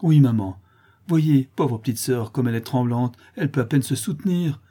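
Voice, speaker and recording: A man reading the part of a gentle young girl, tender and pleading. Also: medium pitch, moderate pace, pitched above the performer's own voice, close to an everyday voice.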